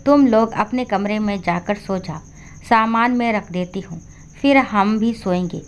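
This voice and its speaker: A woman voicing a harsh, resentful daughter-in-law who talks in a sharp, scolding way in a storybook. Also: medium pitch, measured pace, slight background noise, lightly acted. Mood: weary.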